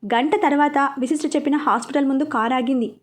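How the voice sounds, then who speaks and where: A woman's voice: high voice, quick pace. A woman narrating a serialized romance story aloud, reading every character's lines herself with little change of voice.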